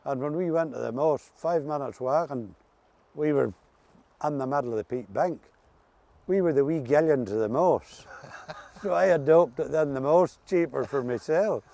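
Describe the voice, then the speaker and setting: A man's voice: on the high side, normal speed, creaky, warm tone. Ulster Scots man, folksy dialect talker. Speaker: interview guest. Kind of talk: casual reminiscing chat about local dialect words.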